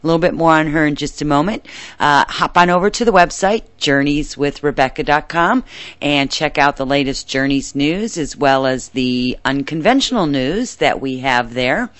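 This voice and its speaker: A woman's voice: deep voice, lively intonation, moderate pace, no echo. A woman presenting a radio talk show in an effusive, welcoming manner.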